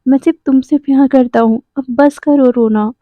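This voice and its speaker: A gentle young uncle from a romance story who soothes and pleads, as a woman narrator puts him on. The voice sits high, and the recording is muffled and dry with no room sound. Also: steady tone, moderate pace, no room sound, natural voice. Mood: soothing. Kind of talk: storytelling voice acting.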